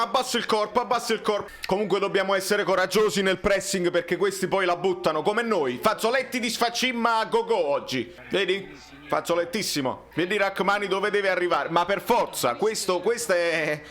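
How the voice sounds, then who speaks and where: Man, Neapolitan accent, street slang, high bright voice, excitable football fan, theatrical grumbling. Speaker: football fan reacting to a match. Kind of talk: excitable live match reaction, casual commentary.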